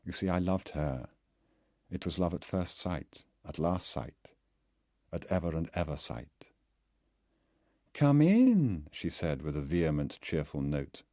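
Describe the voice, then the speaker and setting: A man reading a literary novel aloud as an audiobook narrator, in a measured, deliberate way. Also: rumbling low, fairly even intonation, a little mellow, no echo, studio quality.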